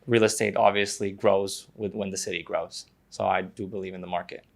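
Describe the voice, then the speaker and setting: A man's voice: deep voice, level tone, a little fast, vocal fry. A man from Croatia, a guest on a podcast, talking casually and hesitantly with many fillers and restarts. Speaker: guest, prospective investor.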